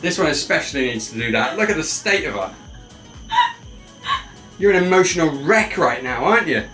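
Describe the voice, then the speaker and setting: Teasing man, bright voice. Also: on the high side, lively intonation, brisk, soft background music. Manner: chatty, teasing, upbeat. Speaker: travel vlogger. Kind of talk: casual vlog narration. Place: outdoors and in a cable car.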